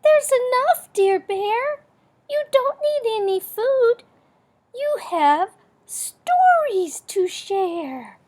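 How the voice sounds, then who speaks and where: Squeaky, kind little mouse. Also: female voice, big pitch swings, very slow, a little mellow, exaggerated voice. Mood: reassuring. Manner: reassuring, tender.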